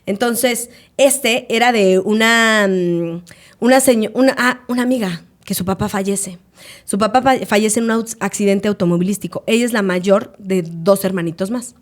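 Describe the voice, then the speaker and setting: A Mexican woman in her late thirties co-hosts a podcast, speaking at a moderate pace in a medium-pitched voice. She tells stories in a relaxed, animated chat, acting out the voices of the people she quotes.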